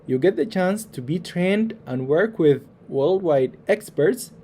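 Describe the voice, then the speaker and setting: A man's voice: high voice, lively intonation, takes it slowly, warm tone, slight background noise. A young man from Sudan, a first-year surgical resident, giving a cheerful recorded testimonial. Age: young adult.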